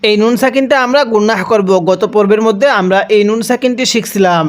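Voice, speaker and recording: A man teaching Quran reading, spelling out verses and reciting them slowly syllable by syllable, then explaining the rules at a quicker clip. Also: sits high. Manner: slow, drawn-out syllable-by-syllable recitation; switches to quick explanatory speech between recitations.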